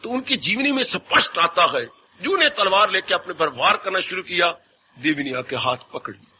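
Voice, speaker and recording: A man's voice: high-pitched, lively intonation, moderate pace, sharp tone. A man giving a devotional sermon as a spiritual teacher, telling stories and acting out voices. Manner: storytelling, often acting out voices. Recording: dull lo-fi 1990s tape with faint hiss.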